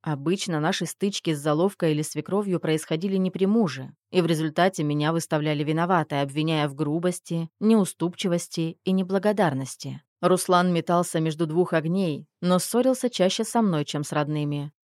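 A woman's voice: low voice, brisk, hardly any pauses, darkish tone, no echo, clean studio sound. A woman narrating a first-person audiobook, voicing the characters in the dialogue.

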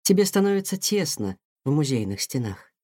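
A man voicing a wise, gentle mother cat who speaks softly and soothingly. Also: on the high side, very animated, moderate pace, no echo, clean studio sound. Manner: soft, soothing and tender. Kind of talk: audiobook character voice.

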